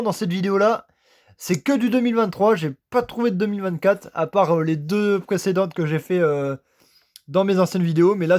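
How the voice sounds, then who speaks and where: Enthusiastic collector, slightly high voice. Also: male voice, a little mellow. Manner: enthusiastic, repeats "très" over and over, halting with many "euh". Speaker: toy car collector. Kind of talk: casual unboxing commentary.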